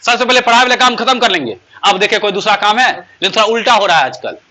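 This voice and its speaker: High, bright-voiced teacher. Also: male voice, animated. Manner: asks pupils constant rhetorical questions; says English example sentences slowly and emphatically. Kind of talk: classroom grammar lesson.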